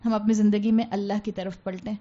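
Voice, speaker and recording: A woman's voice: mid-range voice, flat delivery, mellow. A woman teaching a religious lecture, speaking earnestly and exhorting her listeners with rhetorical questions. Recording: dull lo-fi recording.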